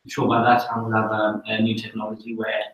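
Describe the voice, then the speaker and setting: A man's voice: fairly low pitch, monotone, quick pace, fairly bright tone. A man in an informal group discussion, talking in an agreeable, conversational manner. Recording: very echoey room, distant mic.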